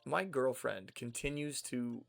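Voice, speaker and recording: With a mid-range, creaky voice at a measured pace, a young American man with a General American accent talks casually to himself as he plays a video game. Faint music sits in the background.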